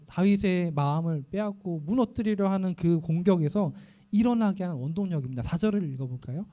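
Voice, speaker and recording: A male pastor preaching an earnest sermon, often voicing prayers aloud and pausing with fillers. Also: high-pitched, mellow.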